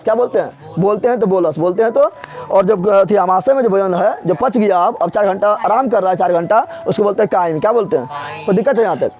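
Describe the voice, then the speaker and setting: A man with a high-pitched, slightly mellow voice leads a classroom lecture at a board. He uses call-and-response drilling, repeating each answer several times after asking the question, all in plain everyday speech sprinkled with Bihari turns of phrase.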